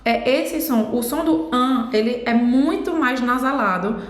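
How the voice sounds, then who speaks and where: A woman teaching a pronunciation lesson, explaining slowly and step by step. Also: on the high side. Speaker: French teacher. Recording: echoey room.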